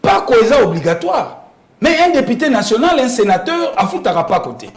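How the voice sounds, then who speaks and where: The pitch here is extremely high and the delivery very animated and a little fast, all in a reverberant space. He's a man with a Congolese accent, guesting in an interview and explaining politics forcefully, often through rhetorical questions.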